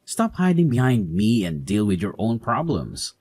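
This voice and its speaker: A man's voice: on the low side, big pitch swings, normal speed, a little mellow, breathy edge, no echo. A man playing a mocking, dismissive husband. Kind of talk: animated story voice acting.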